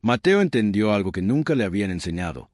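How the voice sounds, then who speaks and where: A man's voice: lowish voice, big pitch swings, fast, darkish tone, no room sound, clean studio sound. A man narrating a dramatic story in a solemn, scripted storytelling style.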